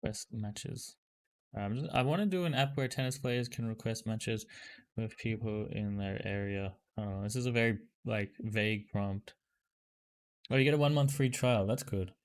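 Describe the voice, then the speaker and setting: A man hosting a livestream over a headset mic, chatting casually and loosely with lots of fillers as he greets viewers and tests software. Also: fairly low pitch, moderate pace. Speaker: livestream host. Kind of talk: casual livestream chat while testing software.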